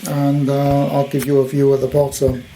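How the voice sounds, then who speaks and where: Showing off his purchase as a vintage radio collector, a man rambles informally through a hands-on demonstration with jokey wordplay from a room at home. His delivery is completely flat, at medium pitch, normal speed, and mellow, and the home recording is clearly noisy.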